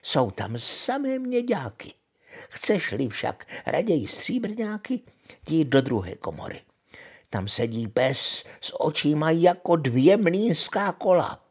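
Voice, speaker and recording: A scheming old witch from a bedtime storybook, done by an older man reading aloud, pitched high above a husky grandfatherly voice. She coaxes and pushes, her voice leaping up and down with loud bursts. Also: very animated. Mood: coaxing. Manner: high, pushy, coaxing.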